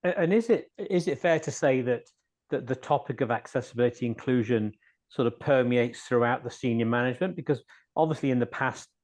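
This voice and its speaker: Male host, mid-pitched, conversational, stumbles and repeats words. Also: darkish tone. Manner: repeats words, chatty, joking. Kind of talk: hosted interview.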